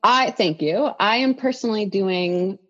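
A woman's voice: medium pitch, a little slow, highs cut off. A woman who writes children's picture books, chatting in an interview with lots of fillers and restarts. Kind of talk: casual interview conversation.

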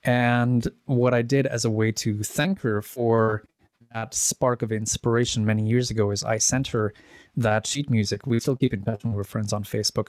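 This Czech-born man in his thirties is a musician guest in a casual interview, rambling through stories with lots of fillers and restarts. His pitch is fairly low and his tone darkish, with no room sound.

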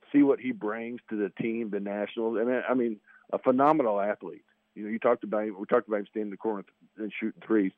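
A man's voice: on the low side, no echo. Nasal fifty-year-old man on a phone line. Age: 50s. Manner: chatty, folksy, repeats himself. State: congested from allergies. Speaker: high school athletic director. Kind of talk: phone-in radio interview.

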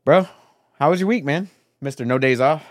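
A man's voice: on the high side, normal speed, no echo, clean studio sound. A man hosting a casual podcast, talking in a laid-back way and swearing now and then. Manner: laid-back, swears casually, calls his co-host bro. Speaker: podcast host.

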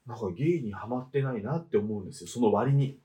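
Animated man chatting in speech. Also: quick pace. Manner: animated, breaks into off-key high singing. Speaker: podcast co-host. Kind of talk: casual chat.

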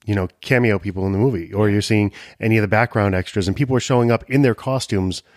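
A man's voice: on the low side, fast talker, no echo, clean studio sound. A man co-hosting a casual chat, eagerly chiming in.

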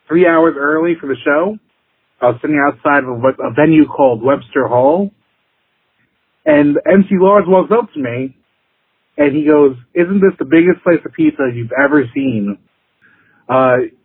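A man's voice: on the high side, husky, no room sound. A man calling in and leaving a casual, rambling voicemail, heard over a phone line. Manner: loose and rambling, with hesitations.

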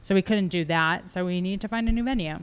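A woman's voice: on the low side, fast talker. A woman who is a guest on the chat, talking casually and chattily as the bride. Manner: chatty, often laughing along.

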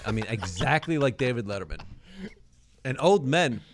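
A man's voice: medium pitch, expressive, normal speed, slight background noise. A man who used to play pro football, telling long, profane stories in casual chat. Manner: profane, rambling anecdotes. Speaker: former pro football player. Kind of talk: casual podcast storytelling.

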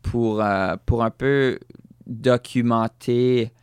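A man's voice: medium pitch, fairly even intonation, drawn-out words, darkish tone, smooth, dry recording. A man from Saskatchewan with a Fransaskois French accent, a guest musician in a casual podcast conversation, hesitant, restarting words and slipping in English phrases. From Saskatchewan, Canada.

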